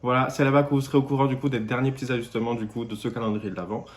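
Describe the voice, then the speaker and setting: A man's voice: medium pitch, steady tone, rapid-fire. A man from Réunion giving a comedic vlog monologue in a playful, camp, theatrical way. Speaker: YouTuber.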